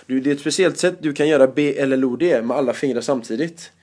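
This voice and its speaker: A male stand-up comedian being interviewed, telling lively anecdotes in casual chat and often laughing. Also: medium pitch.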